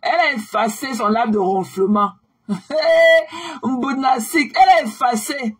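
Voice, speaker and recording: Tired, husky woman chatting on a live stream. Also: a little high, normal speed. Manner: chatty, repetitive, mixes in English phrases. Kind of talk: casual live-stream chat.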